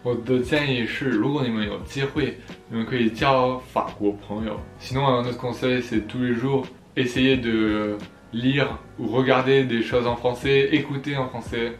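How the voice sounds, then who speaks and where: A young man from France answers viewer questions in a casual vlog, switching between French and Chinese. His mid-range voice is steady and unhurried, and he's playful, joking and laughing at himself. The room is echoey, with soft background music.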